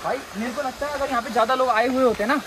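A young man hosting a travel vlog outdoors, talking excitedly and playfully to viewers. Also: very high-pitched, very fast, low-quality recording. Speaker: travel vlogger. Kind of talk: casual outdoor vlog chat. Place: outdoors by a waterfall. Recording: outdoor waterfall noise.

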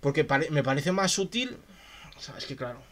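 A man's voice: fairly high pitch, expressive, normal speed, fairly bright tone. A man from in a casual livestream, reading a philosophy text aloud and musing about it with his chat in a chatty, questioning way. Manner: reads passages aloud then muses with chat in a chatty, questioning way.

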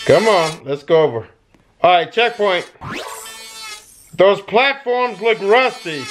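A middle-aged man giving casual gameplay commentary into a headset mic, breaking into excited shouts and yelps. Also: high voice, takes it slowly, soft background music. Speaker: gaming YouTuber. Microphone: gaming headset.

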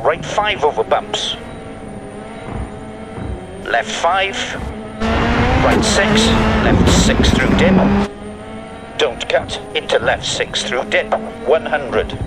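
A man playing a focused rally co-driver in a racing game, calling rapid pace notes in clipped, urgent bursts. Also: sits high, lively intonation, background noise, exaggerated voice. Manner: clipped, urgent short calls. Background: loud rally car engine.

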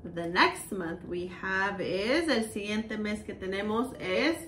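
A woman teaching children in a bilingual lesson, repeating each word slowly in a sing-song way. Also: medium pitch, animated, fairly bright tone, echoey room, distant mic, slight background noise. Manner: slow, sing-song repetition of words for children.

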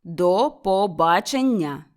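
A woman's voice: medium pitch, very animated, fairly quick, natural voice. A woman voicing a grumpy, miserly old man who answers curtly and scornfully, read aloud in a storybook. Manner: gruff, curt and scornful.

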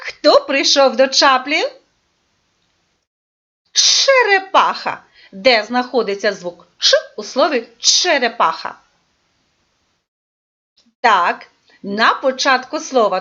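A woman's voice: sits high, bright, forceful tone. Sing-song woman teaching small children. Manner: sing-song, coaxing, drawn-out words. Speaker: preschool teacher. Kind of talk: lesson for young children. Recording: dull lo-fi recording.

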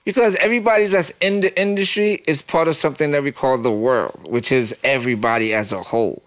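A Haitian man guests in a small podcast studio, speaking into a boom-mounted studio mic in a fast, mid-range voice. The recording is dry, and his casual interview talk is passionate, profane and preachy.

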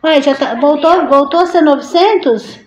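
A woman's voice: high voice, moderate pace, highs cut off. A woman hosting a casual live stream, chatty and affectionate, greeting viewers by name and laughing often. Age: adult mother. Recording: roomy echo.

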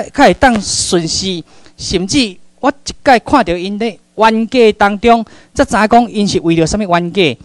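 A middle-aged man from Taiwan giving a public lecture, telling stories in an animated way that swings between loud and hushed. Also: sits high, no room sound.

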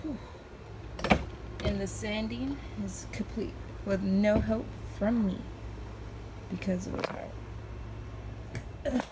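A woman's voice: mid-range voice, slow pace, pauses often. A young woman casually chatting to viewers about renovating a small trailer, filming with a handheld phone. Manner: chatty, addresses viewers as y'all, drops to a whisper at times. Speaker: vlogger. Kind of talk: casual walkthrough vlog. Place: inside a small travel trailer under renovation. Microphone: phone camera held while walking. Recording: noisy phone recording with sanding noise.

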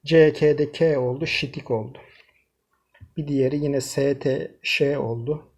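Husky-voiced man teaching a lesson. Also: medium pitch, steady tone, unhurried, a little mellow. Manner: explains step by step, addresses viewers directly. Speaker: language teacher. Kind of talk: screen-recorded language lesson.

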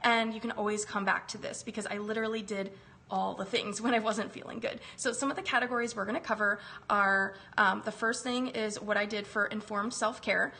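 Talking into a close-up phone camera in her kitchen, this thirties woman hosts a wellness live stream, welcoming viewers by name as she gets over a chest virus. She speaks a little fast at medium pitch, with fairly even intonation and a pushed, bright sound.

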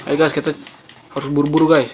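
A young Indonesian man giving chatty, excitable gameplay commentary, casually slipping in bits of English. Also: on the high side, fast talker, slight background noise. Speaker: gaming video host. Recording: game music behind the voice. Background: video game soundtrack.

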